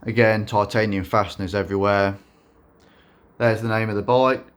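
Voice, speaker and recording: A man showing his custom motorbike in a casual vlog, speaking in a self-described monotone with many fillers and restarts. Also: fairly low pitch, normal speed.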